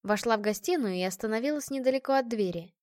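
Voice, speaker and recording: A woman reading first-person audiobook narration in an even, measured storytelling manner on a close microphone. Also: on the high side, dry recording.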